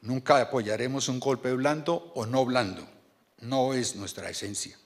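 A man, reading a measured and earnest formal speech from notes at a podium microphone in a large banquet hall. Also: mid-range voice. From Colombia. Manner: measured and earnest, reads from paper with small restarts. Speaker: board chairman giving a speech. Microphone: podium microphone on a stand.

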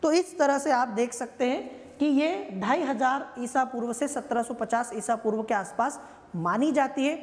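A woman's voice: high voice, moderate pace, big-room sound. A woman teaching an exam-prep history lecture, conversational and often checking in with her listeners.

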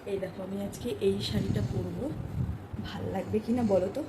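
A woman's voice: medium pitch, fairly even intonation, brisk. A woman, vlogging casually and chatting straight to her viewers. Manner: chatty, addresses viewers directly as guys. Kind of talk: casual vlog talk to viewers. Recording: noisy background ambience.

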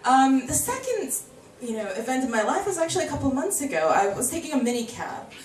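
A woman's voice: high-pitched, fast, a little hiss or hum. A woman in her thirties with an American accent, doing a chatty stand-up comedy set on a handheld mic in a small bar comedy club. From United States. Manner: chatty, animated, acts out voices in quotes. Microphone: handheld mic, filmed from far camera. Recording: echoey room from far off.

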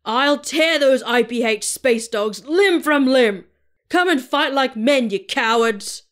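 A woman's voice: medium pitch, animated, measured pace, close to an everyday voice. A woman voicing a burly, short-tempered male space captain who barks orders and bellows threats. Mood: raving.

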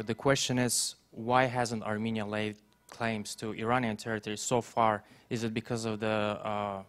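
A man, a journalist from the audience, asking a long question with frequent halting fillers. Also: fairly low pitch, a bit bright, clean tone.

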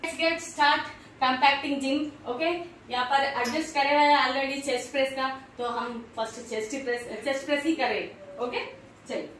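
A woman's voice: high voice, steady tone, normal speed, a bit bright, far from the mic, slight background noise. A woman in her thirties, a fitness vlogger, chatting to viewers as she shows workouts on a home gym machine, talking to them directly and cheerfully. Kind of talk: casual workout demonstration. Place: small home gym room, indoors. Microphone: camera at a distance. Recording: very echoey room, voice from afar.

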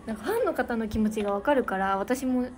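Casting: teen girl idol hosting a stream, fairly high voice, chatty, reads viewer comments aloud, audible noise on the line. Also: animated, fast talker. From Niigata, Japan. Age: teens. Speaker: idol livestream host. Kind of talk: casual livestream chat. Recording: noisy livestream audio.

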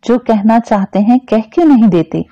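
A woman voicing a gentle, devoted young wife who talks softly and earnestly. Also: a little high, animated, moderate pace, no room sound. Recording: dull, dry lo-fi recording.

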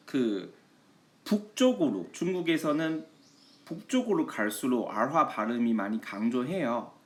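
A man teaching a lesson in Korean, patiently and with frequent affirming interjections. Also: mid-range voice. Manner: patient, repeats "예" often, slow model readings of Chinese. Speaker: Chinese language teacher. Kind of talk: online language lesson.

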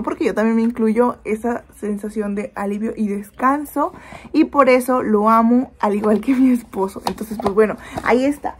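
A woman's voice: a little high, breathy edge. A woman, chatting in a casual product review and telling stories animatedly with many fillers. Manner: animated storytelling with lots of fillers. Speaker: beauty product vlogger.

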